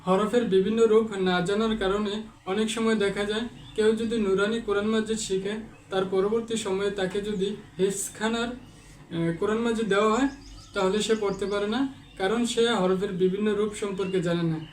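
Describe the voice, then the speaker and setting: High-pitched guy teaching recitation, says each letter sound over and over, echoey room, sits back from the mic. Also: little pitch movement, a little fast, distant mic, slight background noise. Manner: patient, repeats each letter sound several times as a drill. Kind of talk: step-by-step pronunciation lesson.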